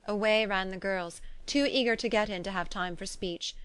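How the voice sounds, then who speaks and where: A woman narrating an audiobook in a measured, even reading voice. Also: mid-range voice, clean tone, no echo. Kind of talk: scripted narration.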